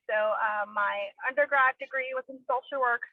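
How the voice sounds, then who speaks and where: A woman graduate speaking on a video call, grateful and nervous, a little halting. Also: fairly high pitch, dry recording. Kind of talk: short speech over a video call. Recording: dry tinny phone-like audio.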